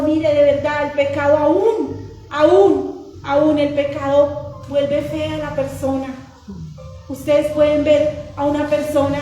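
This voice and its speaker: A woman preaches in a very high, flat-toned voice, her words ringing around a hugely reverberant church. She repeats phrases in an earnest, sing-song preaching rhythm. Soft music plays faintly underneath. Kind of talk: sermon.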